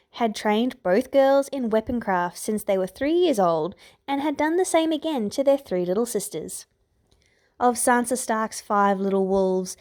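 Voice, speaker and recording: This podfic author narrates her scripted fan fiction story aloud. She speaks with a medium-pitched voice and a darkish tone.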